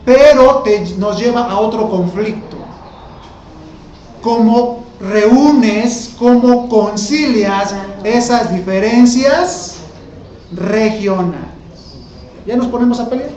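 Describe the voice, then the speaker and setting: Guy teaching class, slow and chatty, roomy dull recording. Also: very high-pitched, dark tone. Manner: colloquial, asks the class rhetorical questions. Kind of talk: classroom lecture.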